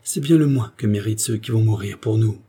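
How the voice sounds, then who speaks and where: A man's voice: lowish voice, brisk, dark tone, slightly rough. A man reading an audiobook, voicing a desperate, proud queen who pleads and then gives commands. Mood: desperate, imperious.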